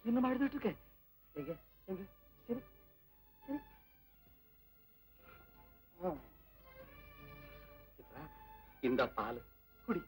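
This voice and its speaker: A man's voice: sits high, big pitch swings, drawn-out words, long pauses, darkish tone, faint music behind, exaggerated voice, rough recording. An actor playing a patient young husband who coaxes and soothes his upset wife with playful teasing, in 1960s Tamil film acting. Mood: coaxing. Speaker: new husband in a film drama.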